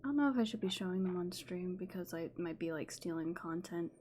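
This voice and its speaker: A woman's voice: on the low side, a little fast, darkish tone. A woman streaming from home, chatting casually and swearing freely as she watches videos. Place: indoors at home.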